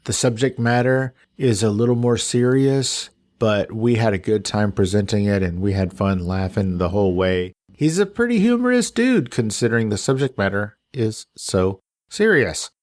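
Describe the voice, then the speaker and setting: A man's voice: fairly low pitch, a little mellow, no echo. A man from Texas hosting a podcast interview, asking questions in a casual, teasing way and cracking jokes. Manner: joking, teasing, fast questions. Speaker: podcast host.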